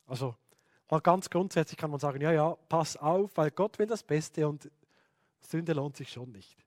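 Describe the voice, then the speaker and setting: A man's voice: fairly high pitch, moderate pace, no echo, clean studio sound. A man teaching a Bible lesson in a conversational way, often slipping into quoted speech. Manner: conversational, acts out quoted speech with many "hey" asides. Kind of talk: recorded Bible teaching lecture.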